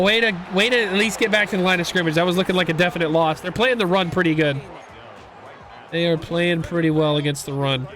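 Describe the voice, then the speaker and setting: A young gaming YouTuber with a fairly high-pitched voice gives casual, excitable commentary over a football video game. He rambles and reacts loudly to big plays.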